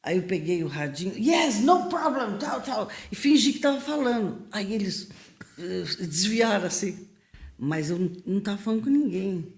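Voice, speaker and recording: A middle-aged woman from Brazil, a missionary guest on a podcast, telling stories in a lively way, acting out the voices she quotes and laughing often. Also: mid-range voice, normal speed. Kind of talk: lively storytelling in a podcast interview.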